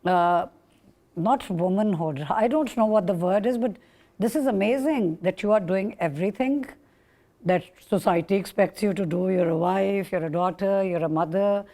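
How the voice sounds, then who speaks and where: A woman's voice: medium pitch, moderate pace, dark tone. A woman hosting a casual talk show discussion, making emphatic points and rephrasing as she goes.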